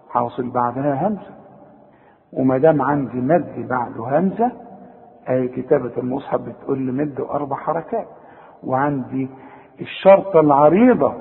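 A man's voice: medium pitch, creaky. Egyptian man teaching, tinny and echoey. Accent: Egyptian Arabic. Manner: explains in colloquial speech, breaks into slow drawn-out chanted recitation. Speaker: Quran recitation teacher. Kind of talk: recorded lesson with recitation. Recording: tinny phone-like sound with long reverb.

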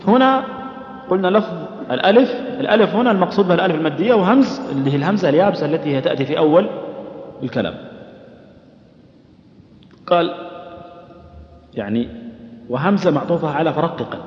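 A man's voice: fairly high pitch, lively intonation, fast, pauses often. Man teaching in an echoey hall. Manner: questions listeners often and chants short examples. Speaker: teacher of Quran recitation rules. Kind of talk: explaining a lesson to a class. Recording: echoey hall, dull lo-fi sound.

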